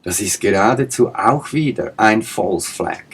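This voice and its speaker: Fairly low in pitch yet fairly bright in tone, this political commentator's breathy voice moves a little slowly with lively intonation. His monologue is forceful, full of pointed rhetorical questions and repeated arguments.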